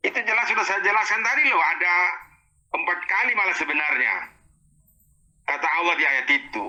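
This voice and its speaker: A man's voice: high voice, expressive, normal speed, long pauses, bright, forceful tone, dull audio. A man explaining Arabic verses word by word in a heated religious debate, challenging and exasperated.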